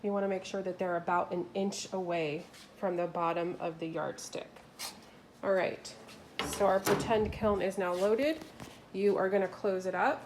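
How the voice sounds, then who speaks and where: A woman's voice: fairly low pitch, fairly even intonation, moderate pace, background noise. A woman giving a patient, step-by-step demonstration as an instructor, talking into the phone she films with. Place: kiln room. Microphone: phone held while filming.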